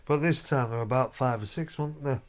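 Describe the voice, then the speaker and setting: A fast-talking man with a mid-range voice hosts a family vlog from a hotel room, casually going over the family's outing. His chatty remarks often end in tag questions, inviting agreement.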